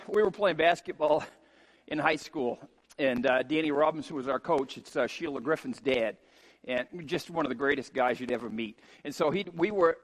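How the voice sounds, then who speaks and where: A man with a high voice delivers an animated sermon, jumping into the characters as he tells the story. His voice rings out in a hall with a long reverb. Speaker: pastor.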